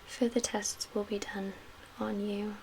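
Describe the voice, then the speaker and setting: A woman in an ASMR roleplay portrays a calm, guarded medical official at a camp for survivors, whispering breathily with steady, measured pauses. Her voice is medium in pitch, and the rough recording has audible hiss and ambience behind it.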